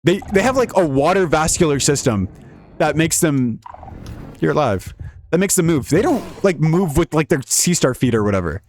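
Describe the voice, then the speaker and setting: A man's voice: on the high side, very animated, normal speed. A young man giving casual, jokey, rambling commentary while playing a video game. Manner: rambling, jokey, laughs often. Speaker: gaming YouTuber.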